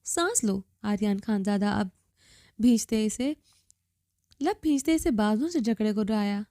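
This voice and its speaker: A woman narrating a romantic novel in a measured, dramatic reading. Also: mid-range voice, warm tone, dry recording, studio quality.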